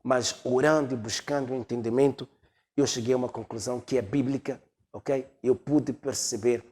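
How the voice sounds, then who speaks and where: A male pastor preaches at a middle pitch. He speaks in a halting way and leans on long hesitation sounds between phrases. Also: steady tone, a little mellow, slightly rough. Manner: hesitant, many drawn-out fillers. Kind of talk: sermon.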